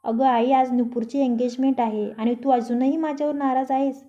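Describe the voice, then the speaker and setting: A woman's voice: high voice, level tone, normal speed, dark tone, dull audio, natural voice. A woman voicing a grumpy, sarcastic young man. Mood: teasing. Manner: taunting, sarcastic. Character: young man, grumpy, teasing, quick to snap.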